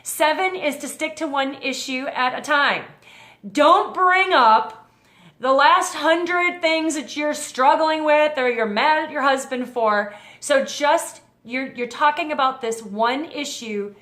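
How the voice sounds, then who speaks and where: A woman's voice: sits high, slow, a bit bright, echoey room. A middle-aged woman hosting a short talk for mothers, talking through a numbered list of advice in a friendly, conversational way. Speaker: host.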